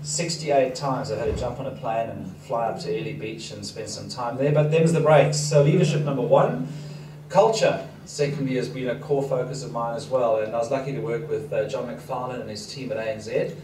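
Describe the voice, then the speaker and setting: A man raised in Africa whose first language is Danish speaks with a slight foreign accent, his medium-pitched voice moving a little fast. He gives a chatty, self-deprecating seminar talk to an audience in an event hall. The recording sounds roomy and distant, with a noisy hall around him.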